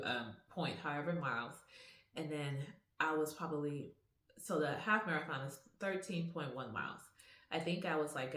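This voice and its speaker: A woman hosting her podcast, telling a personal story in an animated, confiding way and calling her listeners y'all. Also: low-pitched. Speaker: podcast host. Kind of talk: casual storytelling. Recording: echoey room.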